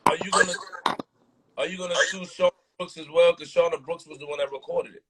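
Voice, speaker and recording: A man's voice: fairly high pitch, steady tone, fast, very noisy. A man interviewing a guest over a casual live video call, asking pointed, pressing questions.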